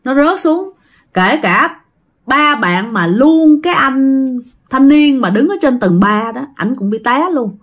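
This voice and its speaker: A woman's voice: sits high, expressive, slow. A woman with a Southern Vietnamese accent, telling a ghost story in a casual, chatty way and talking straight to her listeners. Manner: chatty, addresses listeners directly.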